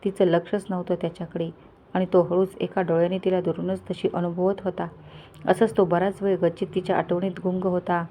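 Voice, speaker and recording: Low-voiced woman narrating a story. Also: little pitch movement, fairly quick, mellow, a little hiss or hum. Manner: reads all characters' dialogue in a lightly shifted voice. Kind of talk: scripted story narration with character dialogue.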